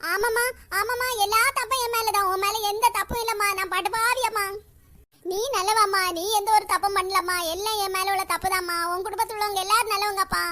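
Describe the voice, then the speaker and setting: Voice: very high-pitched, steady tone, brisk, background noise. A performer voicing a weepy, self-pitying elderly mother-in-law in a cartoon, speaking with a Kanyakumari Tamil accent in a wailing, martyred way. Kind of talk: cartoon voice acting.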